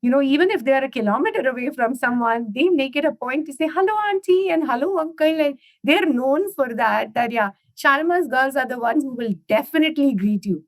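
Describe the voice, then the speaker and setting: A woman, chatting at length as an interview guest. Her voice sits a little high and is recorded dry and close. She keeps threading "you know" and "right?" through long stories. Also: lively intonation, brisk, hardly any pauses, dry recording. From India. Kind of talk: casual interview conversation.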